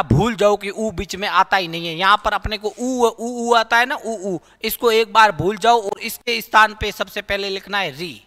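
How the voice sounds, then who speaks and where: Man, grammar teacher, high bright voice, repeats terms as quiz questions, sounds out letters, long room reverb. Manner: repeats key terms as questions and answers them; demonstrates sounds aloud, drawn out. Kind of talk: classroom-style grammar lesson.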